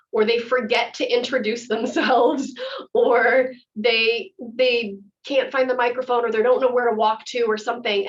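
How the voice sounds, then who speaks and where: A woman theater instructor leading an interactive workshop, calm and guiding, slowing down for visualization. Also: on the high side. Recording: muffled audio from far off.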